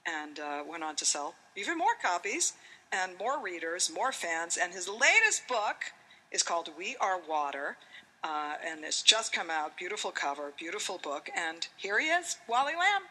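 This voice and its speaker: An animated woman hosts a TV talk show, swinging her pitch widely as she gushes over her guest. Her tone is bright and emphatic. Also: normal speed, husky, rough recording. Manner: gushing, emphatic. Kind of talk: enthusiastic TV host introduction.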